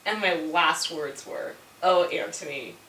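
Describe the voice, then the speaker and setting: A woman's voice: deep voice, takes it slowly, bright, forceful tone, slight background noise, voice pushed down, exaggerated voice. A drunk woman voicing a bratty, self-centered queen in a valley-girl drawl. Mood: scheming. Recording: echoey room, mic at distance, faint music.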